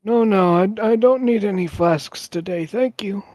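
A man's voice: high-pitched, unhurried, a little mellow, dry recording, pitched above the performer's own voice. A man putting on a mumbling deaf old gardener. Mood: puzzled. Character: hard-of-hearing old male gardener, mild and mumbling. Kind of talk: tabletop role-play character voice.

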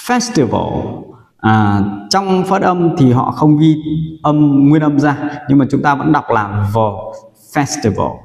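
A male English teacher from Vietnam, drilling vocabulary slowly and repeating each word for learners to echo back. He speaks at a measured, unhurried pace, and his voice rings in a roomy space with a long reverb tail. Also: medium pitch, animated, vocal fry, darkish tone. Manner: slow, drills words for repetition. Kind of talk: vocabulary pronunciation lesson.

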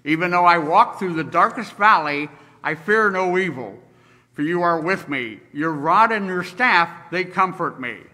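Male liturgist, solemn measured reading, bright tone, lectern mic in a big echoing church. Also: high-pitched, lively intonation. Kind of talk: leading worship and reading scripture. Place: large church sanctuary. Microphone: lectern microphone. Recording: distant mic, long church reverb.

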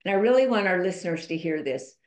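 Lowish, candid woman storyteller, roomy sound. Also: lively intonation, fast talker, a little mellow. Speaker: podcast guest. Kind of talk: conversational storytelling interview. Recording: roomy echo.

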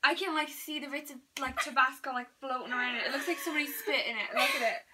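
A woman's voice: high-pitched, fast talker, a loud crowd. A young woman vlogging casually with friends, giggly and dramatic, squealing often. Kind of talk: casual chat. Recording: slightly distant camera mic with faint hiss.

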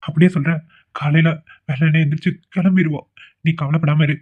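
A man's voice: on the high side, steady tone, a little fast. A man voicing the characters in a cartoon drama, pleading and apologetic. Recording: tinny phone-like audio.

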